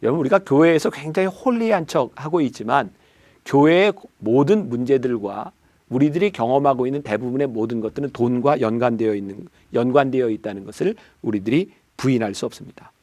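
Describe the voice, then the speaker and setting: A man's voice: medium pitch, a little fast, a little mellow, dry recording. A middle-aged male pastor preaching a sermon, talking straight to the congregation and telling illustrative stories. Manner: storytelling preacher, addresses the congregation directly.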